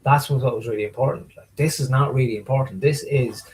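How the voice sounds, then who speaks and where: A man talking as a guest in a casual conversation, animated and acting out quoted exchanges as he tells stories, heard over a video call. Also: medium pitch, fast talker, low-quality recording.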